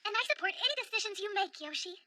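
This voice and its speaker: A woman's voice: very high-pitched, expressive, rapid-fire, pushed and bright, full character voice. A woman voicing an earnest, eager young woman in an overacted anime dub, emphatic and polite like someone making a plea. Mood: determined. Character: earnest, eager young woman leading small-town tourism revival.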